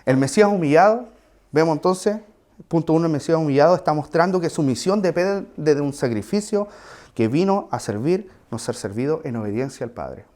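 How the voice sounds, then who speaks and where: A man's voice: a little high, animated, a little fast, darkish tone. A man preaching a sermon in a conversational way, with asides and questions to the congregation.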